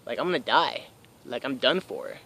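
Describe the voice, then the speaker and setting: A young man in his twenties telling a story casually to camera, excitable, swearing freely and laughing often. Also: medium pitch, normal speed. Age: 20s. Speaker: vlogger. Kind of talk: casual first-person storytelling.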